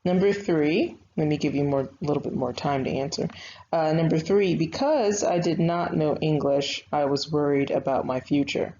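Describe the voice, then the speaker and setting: In a slightly dull lo-fi recording with faint background noise, a young female writing teacher gives an online grammar lesson. Her low-pitched, mellow voice moves at normal speed, and she speaks patiently and conversationally with plenty of fillers.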